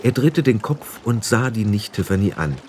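A man narrating an audiobook in an expressive storytelling manner. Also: on the low side, normal speed, a little hiss or hum.

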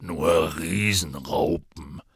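A man voicing Hagrid, a grumpy giant, in a husky, gravelly, slow drawl. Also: a bass voice, fairly bright tone, dry recording, studio quality, pitched below the performer's own voice, exaggerated voice.

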